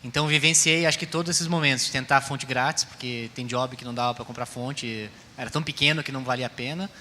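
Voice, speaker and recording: A man's voice: medium pitch, fairly even intonation, fast, pushed and bright. A man with a Brazilian accent talking informally as a panelist in a discussion. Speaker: panelist, type consultant. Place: round table in a reverberant hall. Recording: echoey hall, faint ambient noise.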